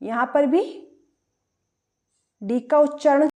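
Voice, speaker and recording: A woman's voice: high voice, takes it slowly, dark tone. A woman teaching English pronunciation, spelling words out letter by letter and asking and answering her own questions. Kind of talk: explaining pronunciation rules.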